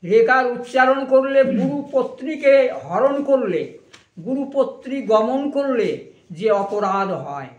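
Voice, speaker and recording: High-voiced man preaching slowly. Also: animated, echoey room, lo-fi sound. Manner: slow, measured explaining with sung verse lines. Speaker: kirtan and katha preacher. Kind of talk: devotional sermon with recited verses.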